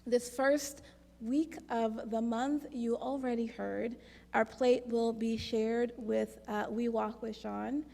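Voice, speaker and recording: Woman worship leader, slightly high and gravelly, measured delivery, long hall reverb. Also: fairly even intonation, warm tone. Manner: measured and deliberate, with dry asides. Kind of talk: addressing a congregation during a service. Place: congregation's sanctuary.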